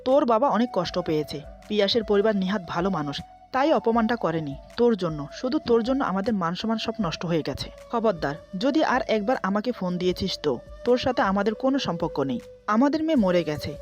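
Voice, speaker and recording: A woman's voice: mid-range voice, expressive, fast, a little mellow, close to an everyday voice. Woman playing harsh middle-aged mother, storybook, unforgiving, music faint.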